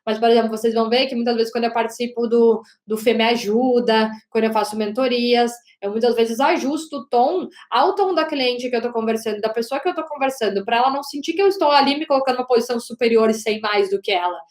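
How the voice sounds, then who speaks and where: Loud high-pitched woman giving a coaching lesson, keeps saying "right?", echoey room. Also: quick pace, few pauses. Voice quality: loud, projecting voice. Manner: emphatic, with frequent "né?" and "gente". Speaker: communication coach. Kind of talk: online lesson. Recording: roomy echo.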